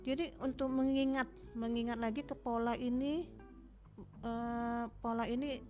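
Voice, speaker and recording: A woman guest on a radio talk show, explaining her craft in an unhurried, step-by-step way. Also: a little high, steady tone, dark tone, faint music behind. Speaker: guest, crochet shop owner.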